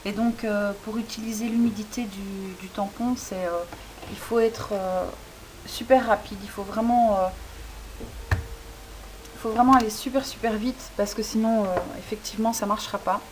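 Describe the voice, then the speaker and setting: A woman's voice: mid-range voice, steady tone, moderate pace, darkish tone, rough recording. A woman hosting a crafting tutorial, explaining each step in a chatty way with frequent hesitations. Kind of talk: casual demonstration tutorial. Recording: faint hiss.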